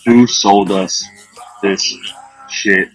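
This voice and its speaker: Husky-voiced man telling blunt stories. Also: fairly low pitch, steady tone, extremely slow, fairly bright tone, soft background music, low-quality recording. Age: 30s. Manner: profane, blunt, darkly joking. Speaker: podcast host. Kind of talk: casual storytelling.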